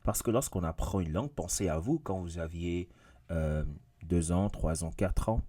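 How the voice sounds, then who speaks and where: A man's voice: low voice, normal speed, dark tone, breathy edge. A man teaching in a casual video lesson, talking straight to his viewers and repeating his points with emphasis. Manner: repetitive, emphatic, addresses viewers directly. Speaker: English teacher.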